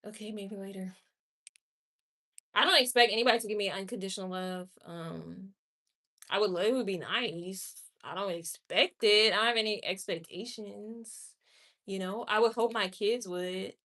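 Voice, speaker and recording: Speaking at normal speed in a medium-pitched, slightly bright voice, a woman in her late twenties hosts a livestream, replying directly to viewer comments with candid, opinionated chat.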